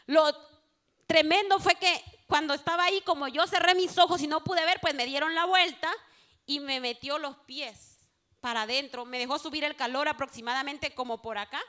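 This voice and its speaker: Fervent high-voiced woman giving church testimony. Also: normal speed. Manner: fervent, addresses congregation as hermanos, swings between hushed and loud. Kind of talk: evangelical testimony preaching. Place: church service.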